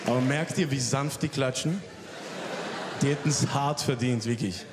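A man from Iraq doing stand-up comedy on a live stage, telling stories and acting out his younger self with sudden high, wailing cries. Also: a little slow, very noisy. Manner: jumps to a high wailing voice to act out his crying childhood self. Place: comedy club stage before a live audience. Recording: live stage recording with hall echo and crowd.

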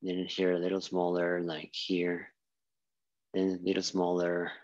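A man's voice: sits low, monotone, a little slow, darkish tone, muffled recording. A man teaching physics at a whiteboard, thinking aloud with fillers and restarts as he draws. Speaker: physics instructor. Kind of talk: whiteboard lecture. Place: small room at a whiteboard.

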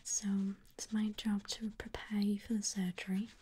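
A woman's voice: medium pitch, little pitch movement, normal speed, darkish tone, a little hiss or hum. A young woman whispering an ASMR roleplay as a reassuring pre-surgery nurse, with hesitant ums. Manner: reassuring, clinical.

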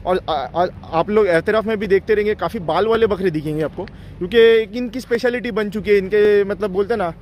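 A man's voice: high-pitched, brisk, darkish tone, a little hiss or hum. A man, interviewing a farm owner for a goat channel and agreeing often. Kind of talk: casual outdoor interview.

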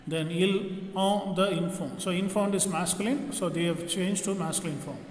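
A man's voice: sits high, fairly even intonation, moderate pace, slight background noise. A man teaching a grammar lesson, explaining step by step like a classroom teacher. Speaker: French teacher. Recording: echoey room with long reverb.

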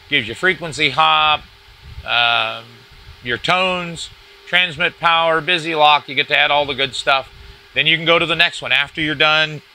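A man giving a casual, hands-on product review in a halting, informal walk-through style. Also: medium pitch, sharp tone, smooth, rough recording. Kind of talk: casual hands-on gadget demonstration. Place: indoors at a cluttered wooden desk.

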